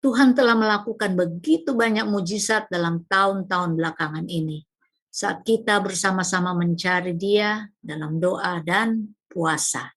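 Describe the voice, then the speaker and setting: A woman's voice: on the low side, moderate pace. A woman pastor from Indonesia giving a devotional talk, telling a personal testimony in a conversational, storytelling manner. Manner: conversational, warm storytelling with tag questions.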